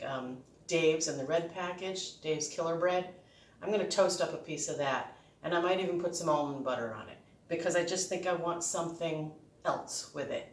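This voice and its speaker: A woman's voice: fairly low pitch, slight background noise. A woman with a Boston accent chats informally and ramblingly as she hosts a casual home cooking vlog. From Boston, United States. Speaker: home cook and video host. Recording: echoey room, distant microphone.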